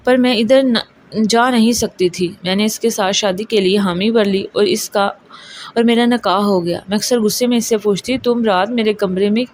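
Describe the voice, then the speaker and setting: Lady reading a sad story out loud, first person, plain steady voice, a bit of faint hiss behind. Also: medium pitch.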